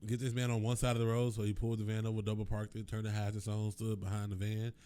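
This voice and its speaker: A man's voice: on the low side, flat delivery, fast, warm tone, clear, resonant tone. A man co-hosting a podcast in casual chat, retelling stories with jokes. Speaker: podcast co-host.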